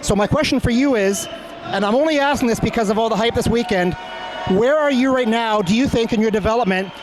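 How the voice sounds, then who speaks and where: A man's voice: very high voice, a little fast, low-quality recording. A man interviewing conversationally after a fight, friendly and complimentary, explaining things as he goes. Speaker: sports interviewer. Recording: faint urban ambient noise behind.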